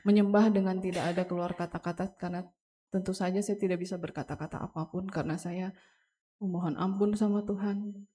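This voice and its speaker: Young woman w a husky, mellow voice, earnest halting testimony to a church crowd. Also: on the low side. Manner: earnest, halting, addresses listeners as Bapak Ibu. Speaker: family member giving a testimony at a memorial service. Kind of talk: emotional spoken testimony to a congregation.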